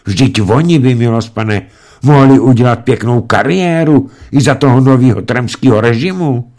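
A man's voice: mid-range voice, a little mellow, pitched above the performer's own voice, natural voice. A man voicing a very old, unflappable female servant who talks in a folksy, composed way in a storybook reading. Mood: calm, chatty. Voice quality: folksy colloquial speech, unhurried and composed. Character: ancient calm female servant, centuries old. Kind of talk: audiobook reading.

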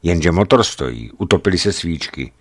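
A man narrating a scripted travel account in a measured storytelling manner, with vivid emphasis. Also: deep voice, expressive.

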